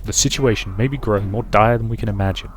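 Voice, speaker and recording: A man voicing a scheming villain officer, grave, formal and measured, full of suspicion. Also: lowish voice, faint music behind, lightly acted. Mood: suspicious, insistent.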